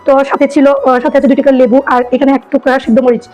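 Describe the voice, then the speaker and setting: A hoarse woman with a cold, chatting enthusiastically as she tastes food for her vlog. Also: high-pitched, fairly even intonation, rapid-fire, a little mellow, low-quality recording. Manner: chatty, enthusiastic, repeats herself. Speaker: food vlogger. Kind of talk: casual food-tasting vlog.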